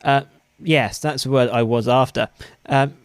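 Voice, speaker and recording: A man's voice: medium pitch, fairly even intonation, clear, resonant tone, no room sound. Dry-witted man, close and dry. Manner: dry, wry, halting. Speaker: podcast host. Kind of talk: casual review chat.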